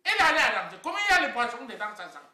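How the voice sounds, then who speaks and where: A flustered father, played by a woman, who keeps repeating empty threats. The voice is high and bright, swinging wildly up and down. It sounds distant, bouncing around a hard room. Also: very fast, very echoey, full character voice. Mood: evasive. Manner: repetitive, evasive, excitable. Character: blustering father caught between daughter and wife.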